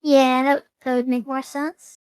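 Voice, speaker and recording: A woman's voice: high voice, little pitch movement, a little slow, a little mellow, clean tone, no echo, rough recording. A young woman streaming a game with a friend, chatting casually with dry, teasing humor. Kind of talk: casual gaming chat.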